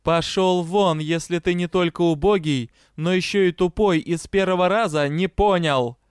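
A man voicing a furious, fearless young female vampire who shouts and threatens. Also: high-pitched, moderate pace, clear, resonant tone, no room sound, clean studio sound, pitched above the performer's own voice, close to an everyday voice.

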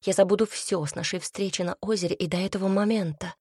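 A woman's voice: mid-range voice, steady tone, quick pace, a little mellow, breathy edge, dry recording, studio quality, close to an everyday voice. A woman reading the part of a self-sacrificing young woman in a storybook, speaking in an earnest, pleading way.

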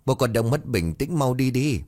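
A man's voice: mid-range voice, expressive, moderate pace, mellow, voice pushed up, natural voice. A man doing a pleading worn-out mother. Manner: pleading, scolding. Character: long-suffering middle-aged mother, pleading.

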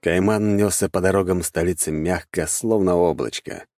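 A male audiobook narrator with a very deep, dark voice, telling the story in a measured and wry way. The sound is close and dry, with no room around it. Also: steady tone, dry recording.

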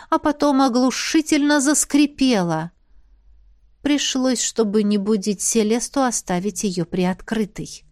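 A woman narrating a novel in the first person, with a measured reading and a hush for whispered lines. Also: medium pitch, no echo, studio quality. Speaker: audiobook narrator.

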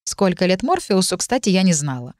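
Measured woman narrating a story. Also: fairly low pitch, very animated, a little mellow, dry recording, clean studio sound. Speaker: audiobook narrator. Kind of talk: first-person scripted narration.

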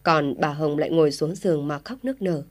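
A woman reading a story aloud as an audiobook narrator, in a steady storytelling manner. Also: deep voice, a little fast.

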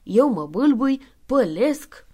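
A woman narrating a literary audiobook in a lively, expressive storytelling manner. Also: a little high. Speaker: audiobook reader.

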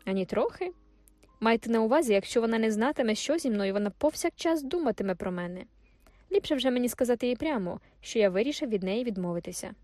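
A woman's voice: on the high side, expressive, quick pace, a little mellow, no echo, close to an everyday voice. A woman voicing a cocky, careless young sergeant in an audiobook, speaking in a mocking tone. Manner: mocking, offhand. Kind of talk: audiobook character voice.

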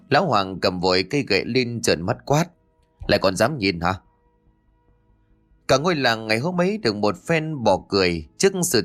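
A male storyteller with a lowish voice reads a comic ghost tale. His pitch rises and falls widely as he drives the story along, and he switches into different voices for the characters. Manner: animated, puts on voices for each character.

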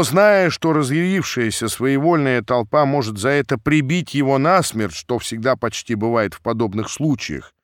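A man narrating classic prose for an audiobook with an expressive delivery. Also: mid-range voice, no room sound, studio quality.

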